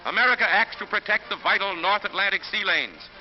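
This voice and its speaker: A man's voice: high-pitched, lively intonation, a little fast. A man giving dramatic, emphatic 1940s narration on an old newsreel soundtrack. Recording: dull lo-fi 1940s film soundtrack with music.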